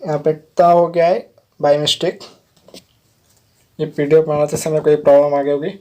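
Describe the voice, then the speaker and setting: A man with a fairly high-pitched, darkish voice delivers a flat, measured vocabulary lesson. He spells English words letter by letter, explains them patiently, and repeats "theek hai" often to check in.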